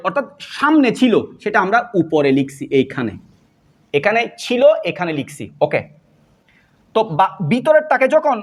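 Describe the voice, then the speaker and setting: A man's voice: high voice, fairly bright tone. Man teaching math step by step. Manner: explains step by step, asking and answering own questions. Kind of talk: whiteboard math lesson.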